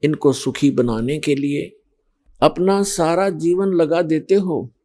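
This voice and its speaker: Slow, mellow-voiced male preacher. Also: on the high side. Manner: slow, measured, explanatory preaching with scripture quotes. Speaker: spiritual preacher. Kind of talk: Hindi religious sermon.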